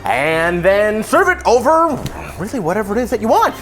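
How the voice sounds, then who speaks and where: A man's voice: sits high, sing-song, moderate pace, fairly bright tone, soft background music. A tipsy man hosting a casual cooking tutorial in a loose, jokey way, with mock-formal wording and wry asides. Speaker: cooking video host. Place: home kitchen. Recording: sizzling pan and kitchen noise. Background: frying sizzle.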